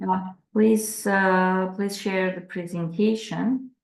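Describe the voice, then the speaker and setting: A woman's voice: medium pitch, steady tone, gravelly. Armenian-accented woman, roomy call audio. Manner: earnest, halting, with fillers. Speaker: medical doctor, panelist. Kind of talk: webinar introduction and presentation. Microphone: video call. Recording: roomy echo on a video call.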